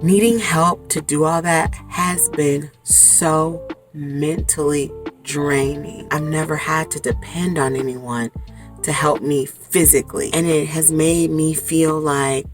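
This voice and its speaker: A woman in her forties chatting to camera from inside a small clothes closet, telling a story in a chatty, expressive way. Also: sits low, slow, faint music behind. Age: 40s. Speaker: vlogger. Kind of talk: casual chat to camera.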